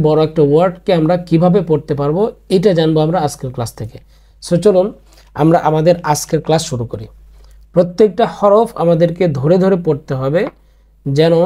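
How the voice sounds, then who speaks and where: Patient teacher with a mellow voice. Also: male voice, on the high side. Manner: patient, repeats each rule slowly, mixes English words into speech. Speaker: Quran reading teacher. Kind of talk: online class explaining spelling rules.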